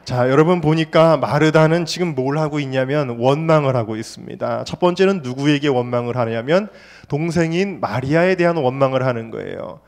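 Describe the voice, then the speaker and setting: A man's voice: medium pitch, brisk. A male pastor preaching a Sunday sermon in church, asking the congregation rhetorical questions and stressing points by repetition. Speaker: senior pastor. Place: church service.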